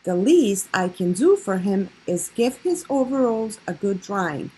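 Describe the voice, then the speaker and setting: A woman's voice: mid-range voice, big pitch swings, measured pace, warm tone, breathy edge, poor audio. A woman voicing a kindly, musing man, an artist in a children's storybook. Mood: puzzled, thoughtful. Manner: musing, thoughtful. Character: kindly, thoughtful male artist, adult.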